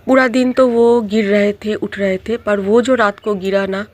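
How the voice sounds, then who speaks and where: Slow, halting middle-aged woman. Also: mid-range voice, steady tone, a little mellow. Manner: slow, halting telling with many restarts, mixing English words into Hindi. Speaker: tarot reader. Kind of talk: personal storytelling.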